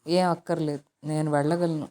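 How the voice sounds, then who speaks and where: A woman's voice: low voice, level tone, fairly quick, dark tone, natural voice. A woman voicing a headstrong young daughter. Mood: coaxing. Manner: sulky, wheedling. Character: headstrong pampered young woman, new mother.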